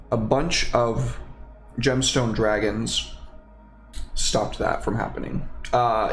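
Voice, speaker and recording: A man narrating a tabletop game casually as game master. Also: medium pitch. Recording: roomy echo, clear background noise.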